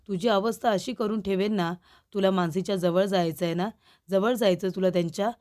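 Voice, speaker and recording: A young male boss from a family serial, earnest and formal with his employee, read out by a woman narrator. The voice stays mellow and soft-edged. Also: medium pitch, natural voice. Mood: angry. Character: angry young man, office boss.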